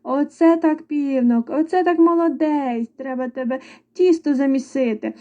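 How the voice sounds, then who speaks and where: Two tiny mischievous mice, high-pitched and squeaky, lazy and playful, as a woman puts them on. The tone is mellow and soft-edged. The sound is a little dull, like a lo-fi home recording. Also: normal speed, natural voice. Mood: eager.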